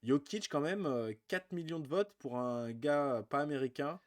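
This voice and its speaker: A man co-hosting a live basketball chat show, relaxed and full of fillers as he runs through rankings. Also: fairly high pitch, moderate pace. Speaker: podcast co-host.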